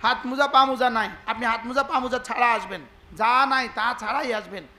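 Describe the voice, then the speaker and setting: A man's voice: very high voice, brisk, bright, forceful tone, a little hiss or hum. A man preaching a sermon, asking the crowd rhetorical questions and acting out dialogues. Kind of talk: Islamic sermon (waz).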